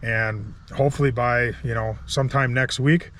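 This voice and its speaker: A man's voice: medium pitch, fairly even intonation, moderate pace, fairly bright tone. A man in his thirties, a contractor vlogging casually from an outdoor building site, telling a story with a chatty, laughing manner. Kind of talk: casual vlog talk to camera.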